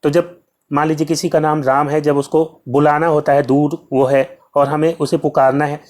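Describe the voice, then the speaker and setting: Hindi teacher doing exam prep, keeps asking a question then answering it himself or herself, tons of "जो है" filler, mid pitch. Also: level tone, normal speed, a little mellow. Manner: drills with self-posed questions and answers; heavy use of filler "जो है".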